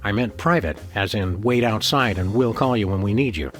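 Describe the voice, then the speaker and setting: An actor playing an earnest, wry male dog detective in a comic cartoon game, with a deadpan manner. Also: lowish voice, moderate pace, faint music behind, lightly acted.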